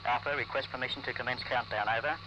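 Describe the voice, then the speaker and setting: A man works a crackly military radio, giving terse call signs and orders. His voice sits at a middle pitch with a bright, tense edge. The delivery is formal, clipped procedure. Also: steady tone, fast talker, dull audio. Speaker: military radio operator running a countdown.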